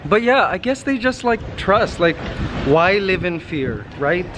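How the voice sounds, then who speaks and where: A man in his thirties chatting casually and excitedly to the camera as he walks outdoors along a city street. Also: high voice, measured pace. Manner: animated, exclamatory, talking while walking. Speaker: vlogger. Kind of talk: casual walking vlog chat. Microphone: camera held at arm's length. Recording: outdoor city street noise, passing cars. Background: street ambience and vehicles.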